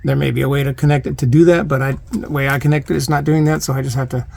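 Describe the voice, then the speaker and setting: In a van, an amateur DIY installer vlogs a casual hands-on demonstration on his phone, speaking haltingly while he thinks aloud and handles equipment. His mid-range voice is steady and darkish, over clear CB radio static and knob clicks.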